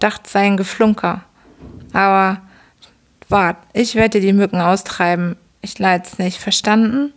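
A woman voicing a gruff, bullying middle-aged father who scolds his son in a bedtime audiobook reading. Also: medium pitch, lightly acted. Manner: bullying, scolding, barking questions. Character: gruff shouting drunken old father, middle-aged man.

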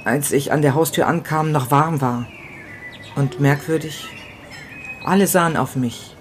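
A woman's voice: low-pitched, slight background noise. A woman reading a tormented grieving widower. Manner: halting, repeating words, swinging between whispers and outbursts. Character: grief-stricken man, widower pawnbroker, tormented and brooding. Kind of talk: literary reading of a first-person novella. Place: city balcony, outdoors.

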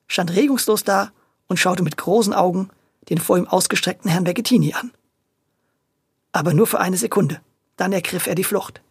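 A narrator reading a lively children's audio story. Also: mid-range voice, breathy edge, dry recording, studio quality.

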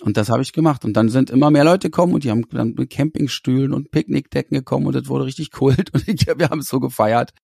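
A man's voice: medium pitch, fast talker, gravelly, few pauses, husky, no echo, studio quality. A man being interviewed as a musician, talking animatedly and often restarting his sentences. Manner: animated, searching for words with restarts. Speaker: musician guest. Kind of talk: conversational interview answers.

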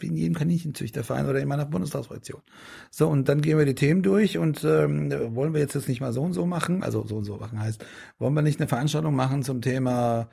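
A man's voice: on the high side, gravelly, mellow, breathy edge. A middle-aged man in a casual interview, talking in a rambling way with many restarts and fillers. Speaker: politician guest.

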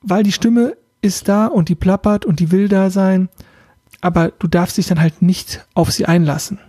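A man's voice: high-pitched, steady tone, moderate pace, dark tone, breathy edge, dry recording, studio quality. A man hosting a self-help podcast, speaking casually and thoughtfully, addressing the listener directly. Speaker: podcast host and coach.

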